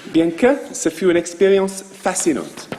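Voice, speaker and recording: A man with a non-native accent in French, a rabbi giving a sermon to his congregation in a slow, measured way with asides to the listeners. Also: high voice, very animated, a little mellow, long reverb tail, slight background noise. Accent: foreign accent in French. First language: not French. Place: synagogue.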